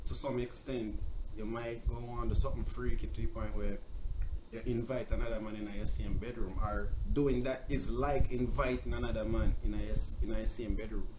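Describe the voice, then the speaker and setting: A man's voice: lowish voice, fairly even intonation, moderate pace. A man reacting in casual chat, emphatic, speaking broken English and tacking "bro" onto lines. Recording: roomy noisy room.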